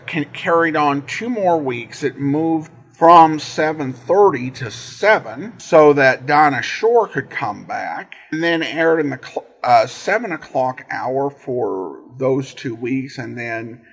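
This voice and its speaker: A man with a husky voice hosting informal commentary on old radio shows, in a halting delivery. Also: a little high. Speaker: podcast host.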